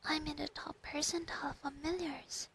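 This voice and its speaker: A woman voicing a clingy, proud female fox spirit familiar in an ASMR role-play, breathy and intimate on a close binaural microphone. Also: high voice, level tone, moderate pace, a bit bright, slight background noise. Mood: hurt, possessive.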